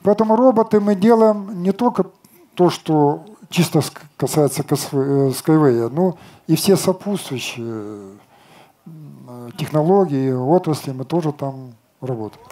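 An older man talking on an outdoor festival stage in a somewhat high but dark, mellow voice. He lectures with confidence and answers objections with rhetorical questions of his own. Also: unhurried. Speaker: company chief designer answering questions.

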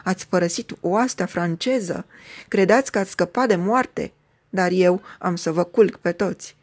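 A woman reading aloud voices a furious giant male warrior with a mace who shouts threats at deserters. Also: lowish voice, close to an everyday voice.

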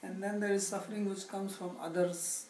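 A middle-aged man teaching a scripture class, speaking slowly and deliberately with wry humor and recited Sanskrit verses, recorded from a camera across a living room. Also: high-pitched, level tone, a little mellow. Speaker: spiritual teacher. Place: indoor living room, seated on a sofa. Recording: echoey room with background noise.

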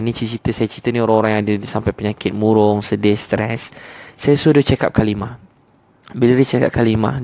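Gravelly Malaysian preacher man. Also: mid-range voice, darkish tone. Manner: earnest, storytelling, fillers like "ha". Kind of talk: religious sermon.

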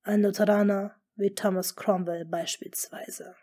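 A woman voicing a scheming noble duke in an audiobook, speaking smoothly and often in a hushed, half-whispered tone. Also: medium pitch, little pitch movement, natural voice. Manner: smooth, measured. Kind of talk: audiobook character reading.

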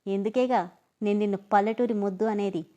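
A woman's voice: medium pitch, fairly even intonation, brisk, warm tone, muffled recording, lightly acted. A woman reading a story aloud, voicing a bossy young man who mocks and teases. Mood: mocking. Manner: mocking and domineering.

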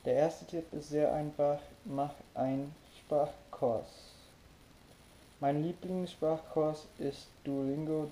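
A young American man, a native English speaker, talks to camera as a vlogger with an American accent. His voice is very dark and relaxed, and he speaks slowly and carefully in simple phrases. The small room adds echo. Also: mid-range voice, a little hiss or hum. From United States. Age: young adult. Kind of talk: language-tips vlog to camera. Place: small bedroom, indoors. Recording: roomy, echoing bedroom sound.

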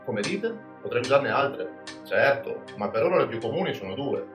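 A man's voice: mid-range voice, big pitch swings, moderate pace, a bit bright. A man from Veneto, a podcast host delivering a scripted, ironic and self-mocking monologue. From Veneto, Italy. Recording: roomy sound with background music.

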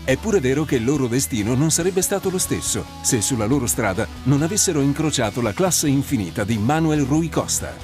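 A man reading scripted sports documentary narration in a measured, polished way. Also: medium pitch, expressive, music in the background.

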